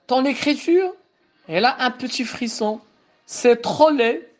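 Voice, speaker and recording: A frightened young woman facing death speaks softly and tenderly, read aloud by a woman. The voice sits fairly high and the lines come slowly and carefully. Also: animated. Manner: slow, careful reading aloud.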